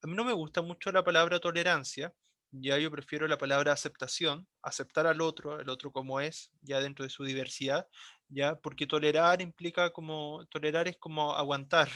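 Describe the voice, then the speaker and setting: A man, a high school teacher explaining a lesson and often checking in with his class. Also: fairly even intonation, bright, forceful tone, no echo, studio quality. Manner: explanatory, checks in often with a quick tag question.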